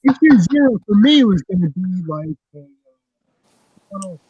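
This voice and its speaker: A man's voice: sits high, big pitch swings, unhurried, mellow, slightly rough, muffled recording. A man chatting casually as host, his voice distant and hollow as if he were speaking from inside a tunnel. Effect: distant, hollow sound as if in a tunnel. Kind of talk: casual online chat.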